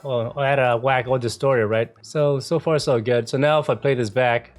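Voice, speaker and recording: A man's voice: mid-range voice, steady tone, moderate pace. Casual man teaching video editing over music. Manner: informal, checks in often with "right?". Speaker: video editing tutorial presenter. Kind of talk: casual screen-recorded software tutorial.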